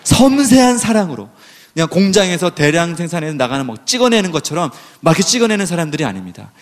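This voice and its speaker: High-voiced man preaching a sermon. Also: very animated, quick pace. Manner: preaching with rhetorical questions, rising to emphatic calls. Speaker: pastor.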